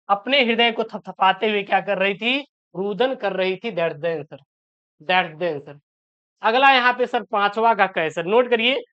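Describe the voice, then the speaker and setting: A man's voice: sits high, sharp tone, clean tone. A man teaching an exam-prep lesson, asking questions aloud and answering them himself, often throwing in "sir" as a filler. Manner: keeps tossing in "sir" as a filler. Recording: dull lo-fi recording.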